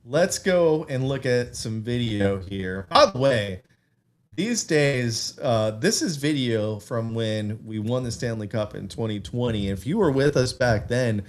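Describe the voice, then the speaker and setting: A man's voice: mid-range voice, animated, a little slow. Man, 30s, podcast co-host, rambling, self-amused, casual and live. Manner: rambling, self-amused, thinks aloud with many fillers. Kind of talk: casual fan podcast chat. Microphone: desk mic with camera, streaming live.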